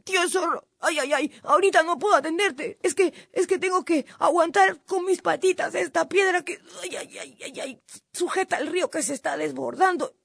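A woman's voice: very high-pitched, moderate pace, vocal fry, a bit bright, no echo, clean studio sound, voice pushed up, exaggerated voice. A woman voicing a small, clever male guinea pig who tricks others, moaning and pleading in a whiny way. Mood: whining. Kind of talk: storybook narration.

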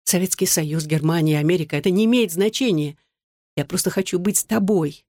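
A woman's voice: lowish voice, brisk, dark tone, no echo, clean studio sound, lightly acted. An audiobook reader voicing a desperate young woman who pleads through tears and murmurs. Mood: pleading.

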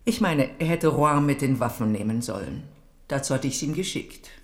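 Casting: regal English queen, radio play, imperious, sardonic, deliberate and cutting. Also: a bass voice, lively intonation, darkish tone. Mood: imperious complaint. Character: Queen of England, older female, shrewd, imperious, cutting. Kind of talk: German radio drama acting.

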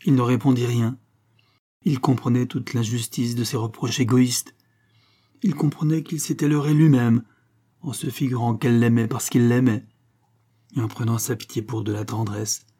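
A man reading a short story aloud in a calm, measured way. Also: medium pitch. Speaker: audiobook narrator.

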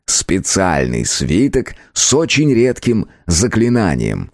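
Male reader doing a nervous, slow-spoken shopkeeper NPC, stammers under pressure, dry sound. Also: deep voice, huge pitch swings, no room sound, exaggerated voice. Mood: fearful. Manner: slow, polite, stammering when scared. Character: timid frightened male alchemist shopkeeper.

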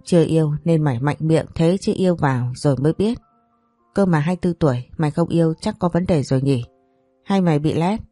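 A woman voicing a sharp-tongued young woman friend who grumbles in exasperation. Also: low voice, fast, no echo, soft background music. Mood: exasperated.

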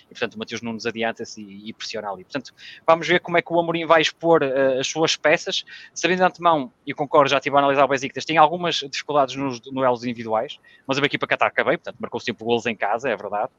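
A man with a European Portuguese accent talks football at a brisk clip, setting out his analysis one point after another. The audio is muffled and lo-fi. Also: medium pitch, fairly bright tone, dry recording. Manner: analytical, lays out points in order. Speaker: football commentator guest. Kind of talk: casual football analysis chat.

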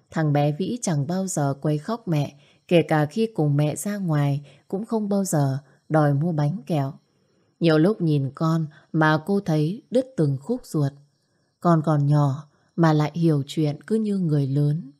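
A woman narrating an audio story in a steady, even read. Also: low-pitched, unhurried.

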